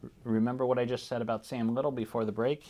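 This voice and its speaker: A man's voice: medium pitch, level tone, quick pace, dark tone. A man hosting a true crime podcast, giving informal, conversational commentary on the news.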